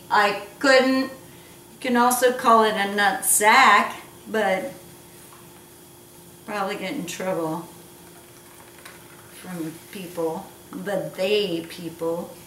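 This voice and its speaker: In an echoey room with a distant mic and noisy background, a cooking show host leads a casual instructional chat, joking, playful, and full of teasing asides. Her mid-range, fairly bright voice is slow and fairly even, with frequent pauses.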